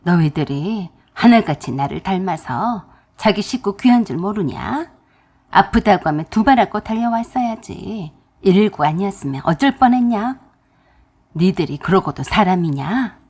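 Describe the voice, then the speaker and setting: A woman voicing a furious elderly father-in-law who scolds his children in a harsh, shouting voice for a radio drama. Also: lowish voice, normal speed, breathy edge, voice pushed down. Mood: scolding.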